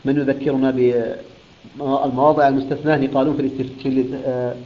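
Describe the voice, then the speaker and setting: A man teaching a recitation lesson, explaining rules and then chanting the example words slowly and melodically. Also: medium pitch, level tone, dull audio.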